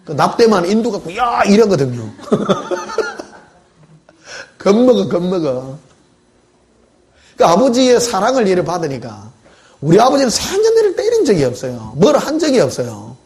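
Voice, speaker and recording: Lively preacher. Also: male voice, high voice, moderate pace. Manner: conversational storytelling, questioning the congregation. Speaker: pastor. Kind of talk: sermon. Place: church.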